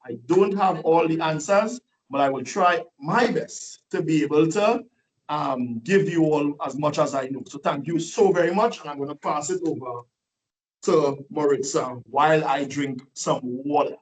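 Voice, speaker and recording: A man giving a lively, preachy motivational webinar talk full of rhetorical questions, over a video call. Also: on the high side, moderate pace, far from the mic, rough recording. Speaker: guest speaker.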